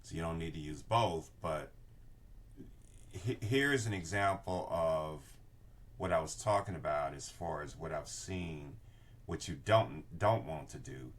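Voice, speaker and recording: A man's voice: very deep voice, lively intonation, measured pace. An older man giving an informal tutorial as an instructor, explaining and often checking that listeners follow. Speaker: research class instructor. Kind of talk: informal screen-share tutorial. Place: indoor room with bookshelves, video inset.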